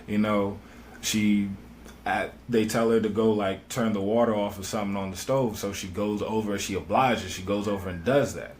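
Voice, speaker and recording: A man with a lowish voice talks loosely and conversationally, leaning on "you know" and slang as he recounts a story. A faint hum of ambience sits under the recording. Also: steady tone, moderate pace, a little mellow. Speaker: guest commentator. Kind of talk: casual podcast discussion.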